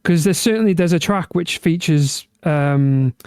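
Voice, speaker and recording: Guy rambling about game music on a podcast, kinda high voice but mellow tone. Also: a little slow, clear, resonant tone, no room sound, studio quality. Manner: rambling, with many restarts. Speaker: podcast co-host.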